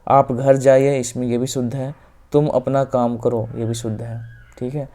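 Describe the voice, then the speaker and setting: Going step by step through exam-prep grammar questions, this North Indian teacher with a Hindi accent repeats the right answers, his phrases frequently fading quietly at the close. He speaks at a moderate pace in a mid-range, flat voice.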